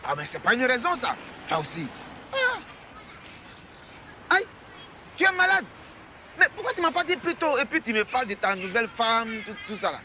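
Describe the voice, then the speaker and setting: A boisterous old Ivorian husband. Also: male voice, very high voice, big pitch swings, a little fast, background noise. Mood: chatty. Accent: Ivorian French. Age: older. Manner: boisterous, teasing, loud exclamations. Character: boastful old retired husband, playful and forgetful. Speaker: retired husband. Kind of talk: sitcom acting.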